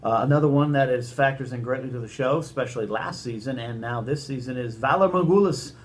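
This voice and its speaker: A man co-hosting a casual chat, enthusiastic and animated. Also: medium pitch, fast talker. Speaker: co-host.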